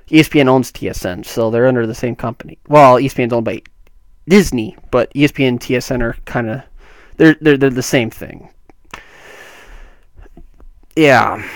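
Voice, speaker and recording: A man from Canada talks through the week's tech news in a loose, casual way, circling back with restarts and fillers as he thinks aloud. His voice sits at an ordinary middle pitch. The sound is dry and close, with no room echo. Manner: rambling, many restarts and fillers. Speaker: tech vlogger.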